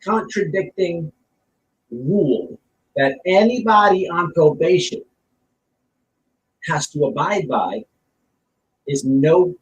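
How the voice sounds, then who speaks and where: This man's voice sits on the high side and is animated, though he takes his time with long pauses. As an online streamer he comments bluntly, casually, and with strong opinions, repeating phrases emphatically and explaining by example. The audio comes from a distant mic in a roomy space with faint noise.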